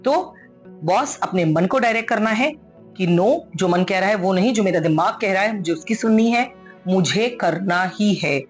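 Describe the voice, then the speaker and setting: A woman's voice: medium pitch, lively intonation, moderate pace, faint music behind. A woman giving an earnest, coaxing motivational talk, mixing English phrases into her speech. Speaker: motivational speaker.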